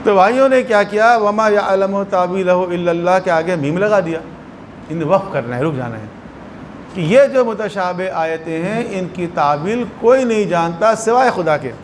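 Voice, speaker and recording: Speaking with a Pakistani Urdu accent, a high-voiced man gives a religious lecture as a scholar. He expressively explains verses and acts out short anecdotes to make his point, with a faint hum of noise beneath the recording.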